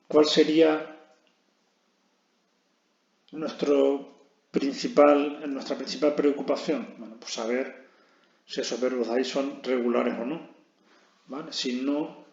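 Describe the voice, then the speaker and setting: A man with a gravelly edge to his mid-pitched voice walks through a recorded lesson one step at a time. He keeps checking in with the learners as he explains. The sound is dull and lo-fi, with a roomy echo around him. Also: slow, long pauses, a little mellow. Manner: explains step by step, constant "¿vale?" check-ins. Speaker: English teacher.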